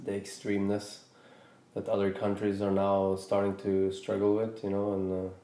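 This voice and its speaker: A Norwegian podcast host in his thirties reflects slowly in casual conversation, thoughtful and hesitant, often circling back and restarting sentences. His low, warm, mellow voice stays monotone, and the room is noticeably echoey.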